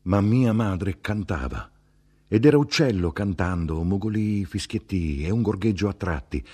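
A man reading a literary story aloud in a measured, lyrical way. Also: expressive, darkish tone, slightly rough. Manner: measured, lyrical, with dialogue tags dropped low. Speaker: narrator.

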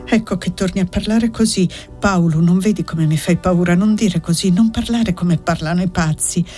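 A woman's voice: fairly low pitch, normal speed, a little mellow, faint music behind, natural voice. A woman voicing an anxious, devoted young woman in an audiobook, reading plaintively and with agitation. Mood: agitated.

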